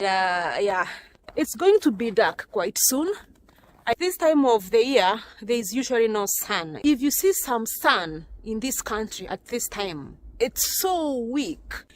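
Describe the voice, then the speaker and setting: Filming on her phone camera, a Kenyan woman chats and laughs frequently as she strolls through a cold, snowy forest in winter for a casual walking vlog. She speaks a little high, and there's a slight hiss or hum on the recording.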